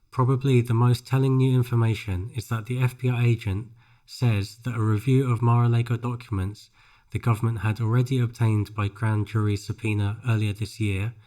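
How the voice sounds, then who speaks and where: A man reads scripted narration for a pronunciation drill, phrase by phrase, with careful, measured enunciation. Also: mid-range voice, darkish tone. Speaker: English shadowing practice narrator.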